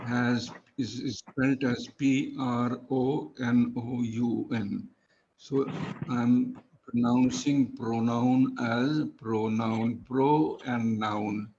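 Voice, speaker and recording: A man's voice: mid-range voice, little pitch movement, extremely slow, creaky, a little mellow, lo-fi sound, slight background noise. A man teaching English pronunciation one-on-one, patiently spelling words out letter by letter. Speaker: English tutor.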